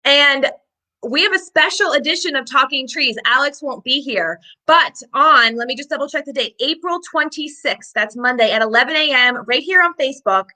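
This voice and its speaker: A woman's voice: high voice, moderate pace, pushed and bright. A woman hosting a live-stream interview, upbeat and chatty, with filler words. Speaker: host.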